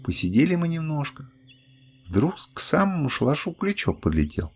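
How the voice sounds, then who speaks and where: Gravelly older man telling a bedtime story. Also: fairly high pitch, normal speed, faint music behind. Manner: lively, expressive storytelling.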